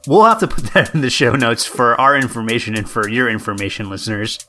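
A man's voice: medium pitch, a little fast, pushed and bright, slight background noise. A man hosting a podcast in a casual storytelling style, hesitant and jokey, often correcting himself. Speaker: podcast host.

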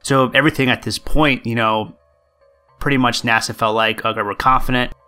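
A man's voice: medium pitch, steady tone, moderate pace, sharp tone, clear, resonant tone, faint music behind. A man hosting a podcast in a casual storytelling style, hesitant and jokey, often correcting himself. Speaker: podcast host.

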